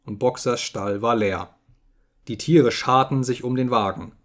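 Man reading a story aloud, calm and steady, medium pitch. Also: unhurried. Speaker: audiobook reader. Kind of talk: scripted audiobook narration.

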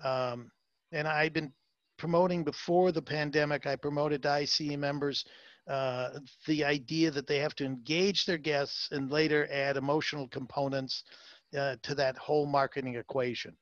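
A man's voice: on the high side, fairly even intonation, normal speed, fairly bright tone, no echo, muffled recording. A man being interviewed as a salon marketing consultant, talking emphatically with many fillers and repeated words. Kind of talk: interview, advice talk.

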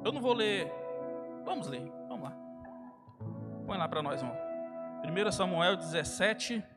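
In a church hall with long hall reverb and loud guitar music in the background, a young man with a high, expressive voice preaches at a moderate pace. He's casual and familiar, addressing listeners as "cara" and "irmão" and acting out the dialogue in his stories.

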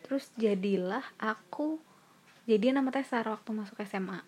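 Young woman, husky voice, casual chat, lively, self-mocking, laughs a lot. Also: fairly high pitch, normal speed. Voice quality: husky, laughs often, animated storytelling.

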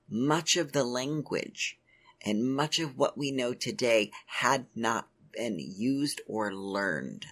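A middle-aged woman hosting a podcast, telling a personal story in a measured, earnest way. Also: rumbling low, creaky. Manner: measured, earnest, speaks in drawn-out phrases. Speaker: podcast host.

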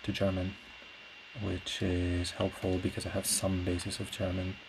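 Speaking at a normal speed in a deep voice, a Portuguese-native man rambles alone on his podcast. He hosts the show and is also a classical singer, and he sounds hesitant and thoughtful as he searches for words. Steady background noise sits under a clear recording.

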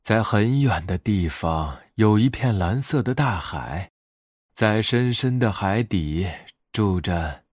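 A man voicing a kindly old grandmother bear in a bedtime story, speaking softly and tenderly. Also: lowish voice, animated, slow pace, slightly rough, no room sound, clean studio sound, heavily acted. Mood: slow, tender. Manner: soft-spoken, gentle, tender.

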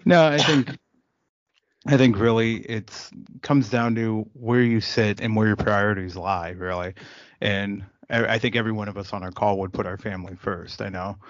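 A man in casual podcast chat, talking in a relaxed, joking way over a remote call. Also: on the low side, normal speed, dry recording. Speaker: podcast co-host. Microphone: remote call mic. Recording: dry, dull lo-fi call audio.

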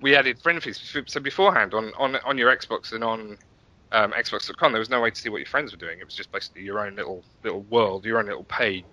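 A middle-aged website founder and developer, appearing as an interview guest, casually and self-deprecatingly explains how he built something. His voice is fairly low, quick and sharp in tone, captured on lo-fi audio with no echo.

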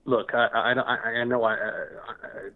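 A man calling in to a talk show over the phone, halting and stammering with many restarts. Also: medium pitch, fairly even intonation. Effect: heard over the phone. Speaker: caller. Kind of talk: call-in radio talk. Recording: tinny phone line.

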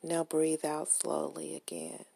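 A woman with a low, husky, breathy voice leads a guided relaxation meditation close to the mic. Her instructions are soft, gentle, soothing and unhurried, and the recording is dry.

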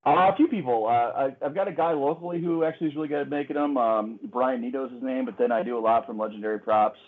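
A man's voice: medium pitch, fast. Man in his thirties on a tinny line. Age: 30s. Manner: friendly, laughs often, storytelling. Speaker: guest. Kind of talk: casual interview chat.

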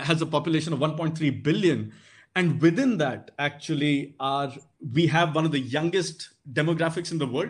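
A man's voice: a little high, breathy edge. A man with an educated, posh Indian accent giving considered, articulate and formal interview answers, often rephrasing as he goes. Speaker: guest, English teacher and boarding school housemaster.

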